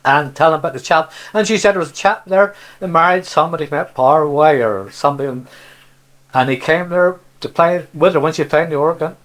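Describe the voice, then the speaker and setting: Here a Cornish-accented older man from Cornwall, England, an interviewee who speaks the local dialect, talks fairly quickly in a highish, fairly bright voice. His casual reminiscences wander from story to story, sprinkled with "see" and "you know."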